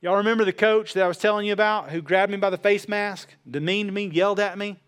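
A male preacher speaks in a rather high voice for a man. He addresses listeners earnestly and directly, building his sermon with repetition and rhetorical questions. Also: fairly even intonation, fast, a bit bright, clear, resonant tone. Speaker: pastor preaching.

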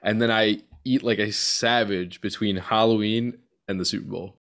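A man with a fairly low voice hosts a podcast in casual chat. He speaks colloquially, as if to a close buddy. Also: steady tone, normal speed, a bit bright. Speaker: podcast host.

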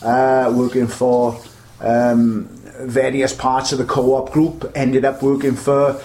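Over poor audio, a mid-range, mellow male voice comes through slowly and completely flat. The speaker is an older veteran butcher with a South Wales Valleys accent, chatting as an interview guest and rambling through memories with repeated starts.

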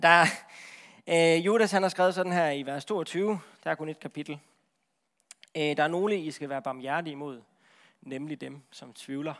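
A man preaching a sermon in a lively, talkative way, often repeating words and checking in with the listeners. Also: a little high.

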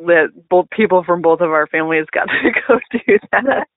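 A man co-hosting a casual podcast, speaking in a relaxed way with lots of filler words. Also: sits high, normal speed. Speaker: podcast co-host. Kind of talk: casual chat. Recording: dry, phone-like lo-fi sound.

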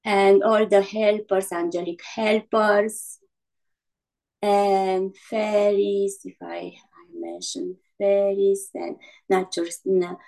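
A woman leading an unscripted guided relaxation like a sleep story narrator, soothing and halting, with gentle instructions. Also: mid-range voice, little pitch movement, creaky, low-quality recording. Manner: soothing, halting delivery with gentle instructions and repeated breathing cues. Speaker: guided meditation leader.

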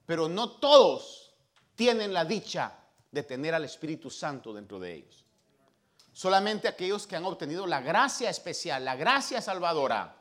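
A man preaching a sermon as pastor, swinging from loud emphasis to hushed tones and reading scripture slowly and emphatically. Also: on the high side.

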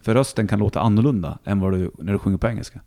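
A man with a Hälsingland Swedish accent, chatting casually as a guest, relaxed and rambling, swearing easily. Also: on the low side, creaky. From Sweden, Hälsingland. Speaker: musician and radio host, guest. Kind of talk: casual conversation.

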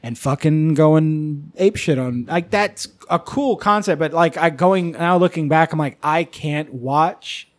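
Brief: male co-host, casual and profane, jokey, higher pitch. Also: unhurried, hardly any pauses. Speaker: podcast co-host. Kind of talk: casual chat.

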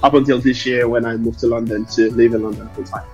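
A man from Togo, answering interview questions conversationally in a halting, self-correcting way. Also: medium pitch, steady tone, a little mellow, faint music behind. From Lomé, Togo; later Ireland. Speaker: interview guest, investor and founder.

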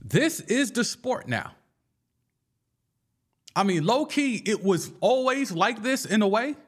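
A man hosting a casual sports podcast, talking in an animated and slangy way and firing off rhetorical questions. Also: high voice, slow pace. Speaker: podcast host.

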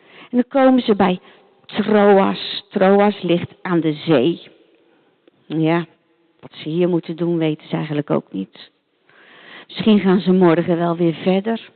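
A woman telling a Bible story to children, animated and speaking directly to her listeners, on a tinny phone-like recording. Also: on the low side, slow pace, pauses often.

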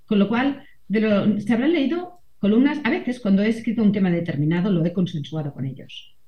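Speaking fairly quickly in an animated mid-range voice, a middle-aged columnist and mother talks reflectively during a conversational interview. She frequently adds tag questions, and the sound is roomy and a little dull.

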